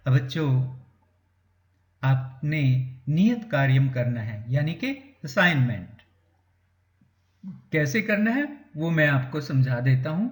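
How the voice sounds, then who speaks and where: A man's voice: fairly high pitch, big pitch swings. Patient man teaching children, echoey room. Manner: patient, repeats words slowly to drill pronunciation. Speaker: Sanskrit teacher. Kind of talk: classroom lesson explaining to children.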